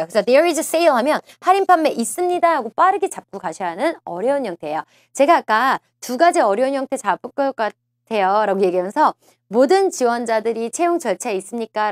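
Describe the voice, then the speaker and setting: A woman's voice: a little high, no room sound, clean studio sound. A woman teaching a listening-test prep lecture, coaxing her students, repeating key phrases and asking them questions. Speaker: TOEIC listening instructor.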